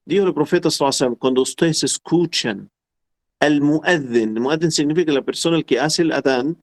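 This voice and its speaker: Middle-aged man teaching a class, slightly high voice, patient and repetitive. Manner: explains slowly and repeats phrases, quotes Arabic formulas. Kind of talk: online class lecture.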